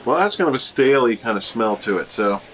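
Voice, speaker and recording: Male food reviewer, mid pitch, casual and rambling, faint background noise. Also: animated, fairly quick, a bit bright. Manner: rambling, thinking aloud. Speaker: food reviewer hosting a taste test. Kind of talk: casual chat, taste-test review. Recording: clearly noisy room ambience.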